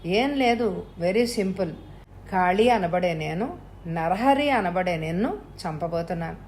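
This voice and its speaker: A woman voicing a calm, cold-blooded young male killer with a harsh, unhurried, menacing voice. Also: on the low side, a little hiss or hum.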